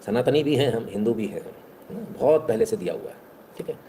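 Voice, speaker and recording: Fast-talking man. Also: medium pitch, lively intonation, dark tone, a little hiss or hum. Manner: rhetorical, keeps asking "है ना?". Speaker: online history talk host. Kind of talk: casual talk to viewers.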